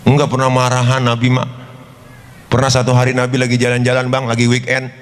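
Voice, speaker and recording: A male preacher with a Betawi accent, animated and full of jokes, who keeps turning to address his listeners directly. His voice sits at a middle pitch and carries a long hall echo. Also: brisk, clear, resonant tone. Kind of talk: humorous sermon. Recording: reverberant hall.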